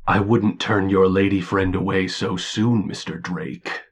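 A man voicing a sinister anonymous caller over a phone line, talking in a slow, menacing, drawn-out way. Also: low-pitched, steady tone, breathy edge, pitched above the performer's own voice, exaggerated voice.

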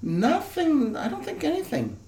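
A man's voice: extremely high pitch, huge pitch swings, unhurried, a crowd in the background. A man in a casual film chat who makes short, pointed remarks and disagrees with the others.

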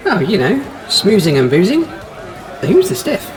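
An actor playing a brash, boozy robot rogue in a comic sci-fi audio drama, cheeky and blunt. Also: male voice, high voice, wildly swooping pitch, unhurried, heavily acted, poor audio. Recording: busy crowd chatter behind.

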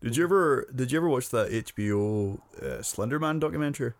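A man's voice: medium pitch, lively intonation, brisk, no echo. A man co-hosting a podcast in casual chat, rambling and hunting for names and words. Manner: rambling, hesitant, searches for words. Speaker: podcast co-host.

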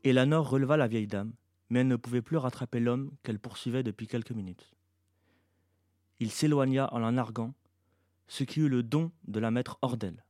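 A man, the author, reading his science-fiction novel aloud in an even, measured narration. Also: medium pitch, no room sound, studio quality.

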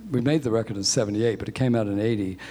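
A man's voice: lowish voice, steady tone, rapid-fire, mellow. Chatty older man in a reverberant hall. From born in England, grew up in New Zealand. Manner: chatty, self-deprecating, laughs often. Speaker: guest, music industry executive. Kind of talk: conversational interview.

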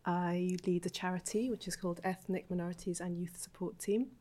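A woman in her forties, born in Chile and raised in Wales, speaking in a measured way at a roundtable discussion. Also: lowish voice, steady tone, warm tone, soft background music. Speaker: charity leader guest.

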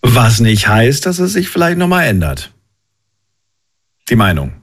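Male call-in host in his thirties, casual and probing, mid-pitched voice, stumbles into his questions. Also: wildly swooping pitch, unhurried, breathy edge. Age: 30s. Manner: probing, repeats himself when asking questions. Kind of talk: casual phone-in chat.

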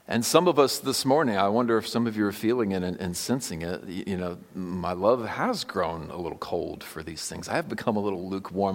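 A man preaching a sermon as pastor, earnest, sometimes dropping to a hushed near-whisper. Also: lowish voice. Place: church sanctuary.

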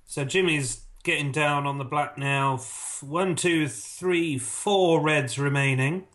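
A man doing snooker commentary in a measured, shot-by-shot way, mixed with casual banter and dry, laddish humour. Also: fairly high pitch, a bit bright.

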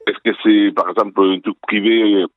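A restaurant owner talking on the phone in a direct, businesslike way. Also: male voice, on the low side, little pitch movement, normal speed, dry recording. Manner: direct, businesslike, repeats himself. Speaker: restaurant owner answering a call. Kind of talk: phone conversation. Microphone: telephone. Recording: muffled dry phone line.

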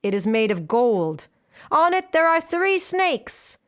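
Woman calling out as a slow royal herald. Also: a little high, very animated, clean tone. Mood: proclaiming. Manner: slow, formal proclaiming. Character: royal herald crying out a proclamation.

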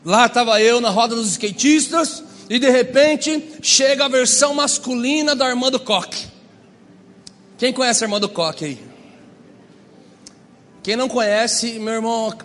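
A Brazilian man preaching a lively, humorous sermon, acting out the voices in his stories. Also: high voice, long reverb tail, a little hiss or hum. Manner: animated, acts out quoted voices. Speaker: pastor. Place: church hall.

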